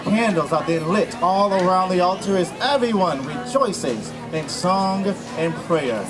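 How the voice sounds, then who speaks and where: A man's voice: sits high, animated, unhurried, music in the background. A man playing a stately Magi king, declaiming solemnly in theatrical live storytelling. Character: stately Balthazar, one of the Three Kings. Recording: outdoor crowd noise.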